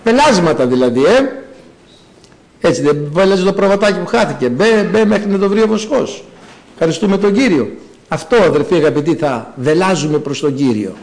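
Animated preacher man. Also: rough recording. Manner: animated storytelling with sudden high bursts. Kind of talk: sermon.

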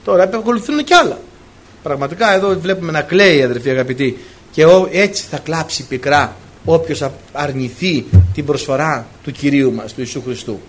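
A man preaching a sermon to his congregation, telling stories with emotion and acting out the dialogue. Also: a little high. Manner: emotional storytelling, acts out dialogue.

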